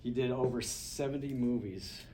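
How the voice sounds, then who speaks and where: A man's voice: medium pitch, moderate pace, mellow. A man teaching film lighting in a hands-on workshop, talking in a loose, chatty way with asides and restarts. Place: studio classroom with a group. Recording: echoey room, distant, noisy ambience.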